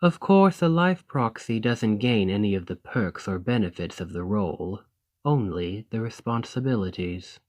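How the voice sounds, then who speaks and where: A man with a fairly low voice, lively intonation and a lightly acted delivery portrays an ambitious foreign noble in a scripted fantasy ASMR roleplay monologue. He sounds formal, composed, courteous and coolly persuasive. His pacing is measured and deliberate, and his sympathy carries a condescending edge.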